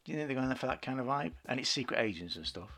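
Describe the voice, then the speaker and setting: A man's voice: mid-range voice, lively intonation, very fast, fairly bright tone. A man co-hosting a casual radio chat, bantering and asking quizzical questions. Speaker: co-host.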